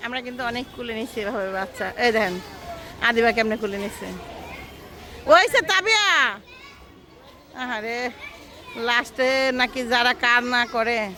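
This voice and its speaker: Chatty high-voiced woman vlogger. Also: unhurried, long pauses, sharp tone, some chatter behind, a little hiss or hum. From Bangladesh. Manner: chatty, folksy, talks to viewers and family as she films. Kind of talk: casual chat to camera.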